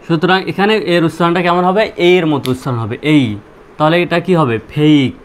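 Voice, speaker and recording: A man's voice: fairly high pitch, fast talker, a little hiss or hum. A male teacher explains pronunciation rules step by step. He repeats himself and asks questions, then answers them himself. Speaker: English teacher. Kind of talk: spoken language lesson.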